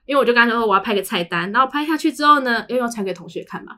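A woman's voice: on the high side, animated, rapid-fire, sharp tone. A young woman with a Taiwanese Mandarin accent, chatting casually as a podcast co-host and telling chatty stories with acted-out dialogue. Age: young adult. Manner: chatty storyteller who acts out dialogue. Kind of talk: casual chat.

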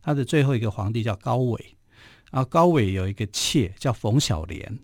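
A man's voice: mid-range voice, lively intonation, moderate pace, no echo. A man with a Taiwanese Mandarin accent hosting a radio history show, telling stories casually with many filler particles, recorded in a studio. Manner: chatty, frequent filler particles.

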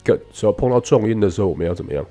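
A man teaching English pronunciation in a lesson, explaining patiently and demonstrating words slowly. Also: lowish voice, expressive, mellow, faint music behind. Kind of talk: radio-style English lesson.

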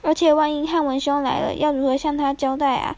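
A woman's voice: high voice, flat delivery, a little fast, a little mellow. A woman storyteller voicing a scheming, lecherous middle-aged landlord who speaks in a sly, ingratiating way. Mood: coy.

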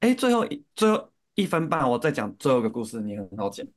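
Animated Taiwanese Mandarin man storyteller. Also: medium pitch, fast. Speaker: podcast co-host. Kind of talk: casual storytelling chat.

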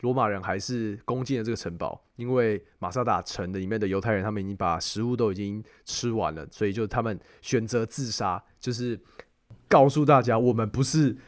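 A man's voice: lowish voice, a little fast, no room sound, studio quality. A man with a Taiwanese Mandarin accent telling travel stories in a casual, conversational chat. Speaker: podcast host.

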